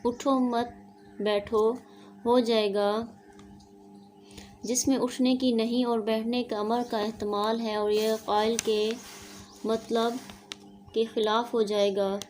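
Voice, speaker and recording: A woman teaching an online Quran lesson, explaining step by step in a steady teaching manner and slipping in English words. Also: a little high, pauses often, slight background noise.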